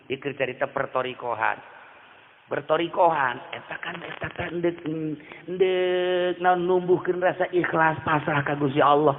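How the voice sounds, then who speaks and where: Man, Sundanese accent, preacher, sermon storytelling, loud-to-hushed delivery, slightly high voice, faint noise. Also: long reverb tail, phone-quality sound. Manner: animated storytelling, joking, switches from loud to hushed.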